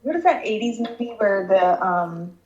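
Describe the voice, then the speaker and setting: A woman guest on a podcast, chatting in a relaxed, wry way. Her audio is dull and lo-fi and carries a roomy echo. Her pitch sits in the middle. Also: moderate pace. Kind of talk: casual chat. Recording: echoey, dull lo-fi sound.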